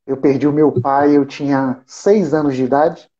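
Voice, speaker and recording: A man's voice: medium pitch, steady tone, moderate pace, warm tone, lo-fi sound. A man hosting a live chat, responding with short, appreciative remarks and sharing his own story. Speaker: host. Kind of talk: live chat on social media.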